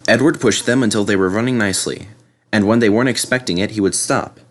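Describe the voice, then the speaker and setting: A man's voice: on the low side, quick pace, a bit bright. A man narrating in the manner of a children's storybook reader. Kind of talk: storybook narration and spoken video introduction.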